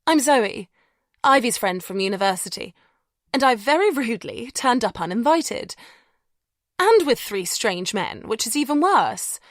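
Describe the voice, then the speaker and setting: A woman narrator voicing a bubbly, decisive young woman in an audiobook, bright and emphatic. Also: on the high side, sing-song, measured pace, dry recording, studio quality, pitched above the performer's own voice. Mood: apologetic.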